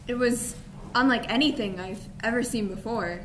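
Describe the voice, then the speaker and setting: A student actor in a school play, a woman with a voice on the high side, speaks at normal speed in a natural voice. In this amateur stage comedy she plays an earnest, pretentious theatregoer gushing self-contradictory praise. The stage recording is echoey with faint noise.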